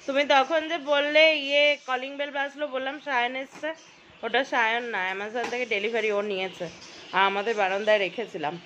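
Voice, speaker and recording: A young woman vlogging casually at home, chatting brightly about food and a family surprise gift. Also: a little high, a little fast, dull audio, a little hiss or hum. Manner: chatty, lively, whispers while planning a surprise. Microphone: phone camera.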